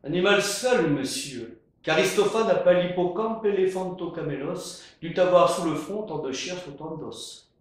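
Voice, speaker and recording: Man playing hammy, slow-speaking theatrical Cyrano, echoey. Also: mid-range voice, close to an everyday voice. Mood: pompous. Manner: hammy stage-actor declamation, switching tones grandly. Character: proud, witty swordsman Cyrano mocking insults about his big nose. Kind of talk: theatrical verse monologue. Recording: very echoey, roomy sound.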